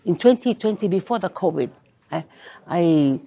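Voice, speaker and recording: An older woman from Kiribati who grew up in Fiji, speaking as an interview guest about her activism, thoughtful and pausing often to restart her sentences. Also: lowish voice, lively intonation, dark tone. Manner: thoughtful, with many pauses and restarts. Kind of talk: conversational interview.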